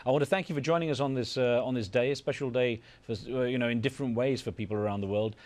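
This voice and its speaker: A male host running a broadcast interview and bringing in callers briskly. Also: medium pitch, darkish tone.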